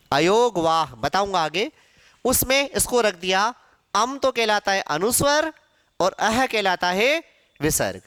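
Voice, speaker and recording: A man teaching a classroom lesson in a high, lively voice. He speaks slowly and clearly with a bright, crisp tone. He poses questions, answers them himself, and repeats sounds aloud as drills. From India. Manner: drills pronunciation aloud, asks and answers his own questions. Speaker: Hindi teacher. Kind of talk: classroom lecture.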